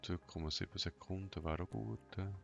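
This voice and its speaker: A man giving an unscripted game walkthrough in a flat, emotionless monotone, thinking aloud in short, hesitant fragments. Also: low-pitched, normal speed, gravelly. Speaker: gaming tutorial host. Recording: dull lo-fi sound, music behind.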